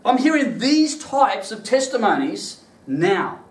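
Man, preacher, high voice, animated storytelling, echoey room, set back from the mic. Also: takes it slowly, distant mic. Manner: animated storytelling, laughs through his stories. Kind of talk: sermon with personal testimony.

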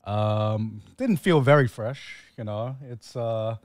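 A man's voice: lowish voice, slow, dry recording. A young man in casual stream banter, laughing and teasing. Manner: laughing, teasing, keeps asking for butter. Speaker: podcast co-host.

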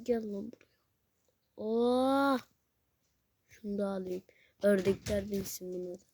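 A woman commentating on her mobile game play, excitable and swearing, shouting at the screen, recorded on a phone. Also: medium pitch, unhurried. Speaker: gaming video creator.

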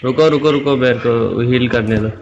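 A man's voice: medium pitch, moderate pace, vocal fry, dull audio, slight background noise. A man in casual voice chat during a shooter game, giving urgent callouts and repeating commands to his squadmate. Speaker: gamer calling out to a squadmate. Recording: faint gunfire and clicks behind.

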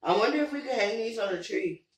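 A woman chats casually to her viewers in a voice roughened and hoarse from illness, throwing out question after question. She sits back from the mic in a roomy, echoing space. A faint hiss runs underneath. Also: a little high, lively intonation, fast talker. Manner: chatty, asks viewers lots of questions. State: hoarse from being sick. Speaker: vlog host. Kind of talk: casual chat. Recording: roomy echo, from far off the mic, faint noise.

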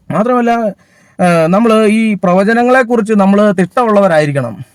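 A man giving a sermon, pausing often with fillers and restarting his sentences. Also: high voice, dry recording. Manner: halting, many fillers and restarts. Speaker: preacher.

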